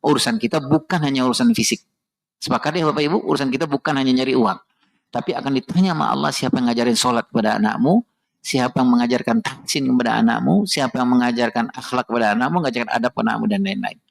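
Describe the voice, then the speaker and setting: A man's voice: mid-range voice, very fast, gravelly. A middle-aged man giving an emotional storytelling sermon on parenting at a mosque, often turning to address the audience directly. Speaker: parenting speaker at a mosque study session.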